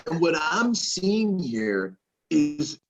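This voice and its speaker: A man's voice: a little high, very animated, very slow, lo-fi sound. A man hosting a podcast, interviewing his guest in a chummy, casual way. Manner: chummy, calls the guest buddy and brother. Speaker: podcast host.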